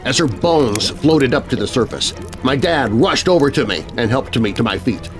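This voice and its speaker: A man with a medium-pitched voice and lively intonation narrates at normal speed over a music bed. He tells a scary children's story in a dramatic, scripted first-person style, as a narrator of children's horror stories.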